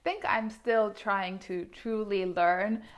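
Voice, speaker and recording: A woman's voice: medium pitch, steady tone, slow. A thirty-year-old woman vlogging to camera, talking in an earnest, reflective way with frequent hedging fillers. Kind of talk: reflective casual monologue to camera.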